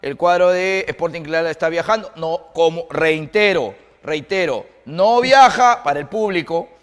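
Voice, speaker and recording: A man's voice: a little high, a bit bright, clear, resonant tone, in a large hall. A man with a Peruvian accent, a sports panelist arguing sarcastically and defensively in a heated studio debate. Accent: Peruvian Spanish. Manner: sarcastic, defensive, drawn-out phrasing.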